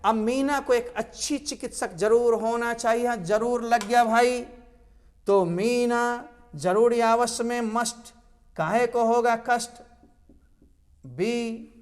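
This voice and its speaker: Male tutor, high voice, stresses and repeats words, reverberant classroom. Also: slow, soft background music. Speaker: English teacher. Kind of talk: classroom lesson.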